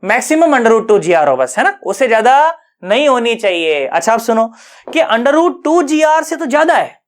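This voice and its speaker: An online physics lesson is led by a man whose very high voice swings widely in pitch at a moderate pace. He speaks colloquially with jokes, mixes in English physics terminology, and often asks students if they've understood.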